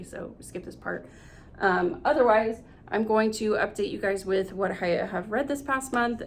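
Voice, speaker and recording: Chatty woman with a gravelly edge. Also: medium pitch, slight background noise. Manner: chatty and self-deprecating, many ums and restarts. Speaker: quilting and cross-stitch channel host. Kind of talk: casual chat.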